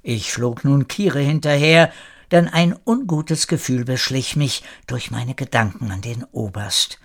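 A man narrating a story in a calm, measured storytelling manner. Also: medium pitch, vocal fry. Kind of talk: scripted audiobook narration.

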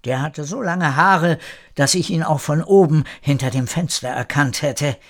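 Man, story narrator, calm, measured, slow delivery, slightly raised pitch. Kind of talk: scripted audiobook narration.

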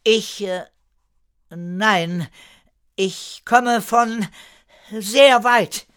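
A man's voice: high-pitched, fairly even intonation, unhurried, no echo, clean studio sound, voice pushed up. A man doing a stammering, timid young postman. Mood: flustered. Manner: hesitant, stammering. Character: timid, clumsy young male postman, overwhelmed.

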